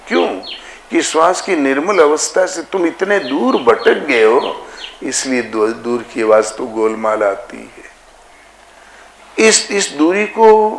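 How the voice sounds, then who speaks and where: A man giving a devotional discourse as a spiritual teacher, slow and deliberate, drawing out chanted syllables. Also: medium pitch. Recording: echoey room with faint ambient noise.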